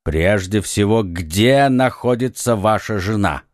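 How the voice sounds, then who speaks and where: A man's voice: fairly low pitch, expressive, a little slow, dry recording, studio quality. A man voicing a stern, blustering police commissioner questioning a prisoner in an audiobook. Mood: interrogating. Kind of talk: audiobook reading.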